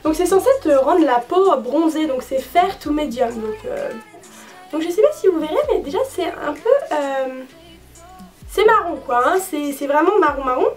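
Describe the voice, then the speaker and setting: A young woman with a high, bright voice chats frankly through a beauty product review, filling pauses with hesitations. She sits a bit back from the microphone, and faint music plays underneath. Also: lively intonation, far from the mic. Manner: chatty, frank, many fillers. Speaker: beauty vlogger.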